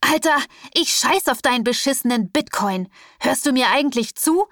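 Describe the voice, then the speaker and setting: A woman voicing a suspicious, hot-tempered young male dealer who talks in crude street slang and snaps loudly. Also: a little high, a little slow, no echo, clean studio sound. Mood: angry.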